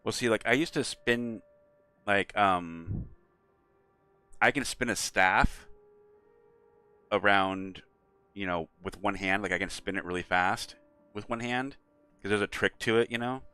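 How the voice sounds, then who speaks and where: A man's voice: fairly low pitch, measured pace, long pauses, sharp tone, clear, resonant tone, dry recording. A man streaming a video game, chatting casually in a rambling, playful way. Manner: rambling, playful, chuckles often. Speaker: let's player streaming to chat. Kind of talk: casual chat over gameplay.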